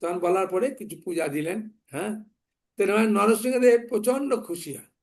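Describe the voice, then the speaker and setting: A man preaches in a relaxed storytelling way, speaking in a high register. He keeps the tone homely and conversational. He often checks in with the audience and asks them rhetorical questions. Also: brisk. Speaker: devotional preacher. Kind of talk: devotional storytelling sermon.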